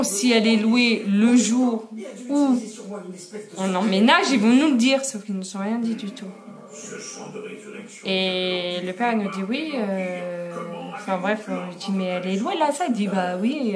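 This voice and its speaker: A young woman telling a story in a casual vlog, chatty, with many fillers and frequent laughs. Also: medium pitch. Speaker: vlogger.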